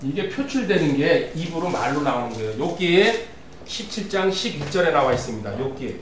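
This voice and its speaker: A man's voice: fairly high pitch, very animated, brisk, a little hiss or hum. A man preaching a sermon as a pastor, reading scripture aloud and putting questions to the congregation. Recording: roomy, distant, faint ambience.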